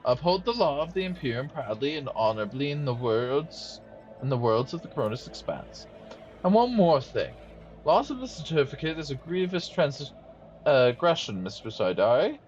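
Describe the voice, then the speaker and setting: A man's voice: mid-range voice, big pitch swings, normal speed, a little mellow, close to an everyday voice. A man reads out a pompous imperial official who fusses over seals and paperwork. The voice rises and falls a lot, sounding a bit dull, with faint music underneath. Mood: officious. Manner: formal, fussy, reading dialogue aloud.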